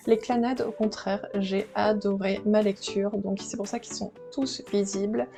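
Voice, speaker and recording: A woman's voice: mid-range voice, fairly even intonation, vocal fry. Chatty French woman touring her shelves. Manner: chatty, enthusiastic, filmed while handheld, with filler pauses. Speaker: manga collector vlogger. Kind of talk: casual shelf-tour vlog. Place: at home by bookshelves in the living room. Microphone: handheld camera. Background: background music.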